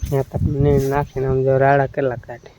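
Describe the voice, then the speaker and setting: A man's voice: mid-range voice, completely flat delivery, a little fast. A man with a Kathiawadi Gujarati accent chatting casually as a village vlogger, teasing and easygoing, recorded outdoors on a farm. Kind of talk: casual village vlog chat. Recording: outdoor noise with birds and animals.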